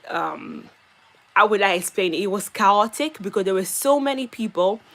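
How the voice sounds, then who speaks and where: A woman's voice: mid-range voice, fairly bright tone. Chatty young woman hosting a livestream. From Italy. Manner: chatty, greets viewers by name between story bits. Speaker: livestream host. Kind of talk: casual livestream story time.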